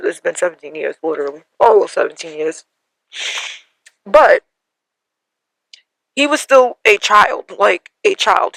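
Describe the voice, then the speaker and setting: Gravelly bright-voiced woman telling a personal story. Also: medium pitch, no echo, low-quality recording. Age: 30s. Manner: emotional and halting, many fillers and laughs. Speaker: podcast host.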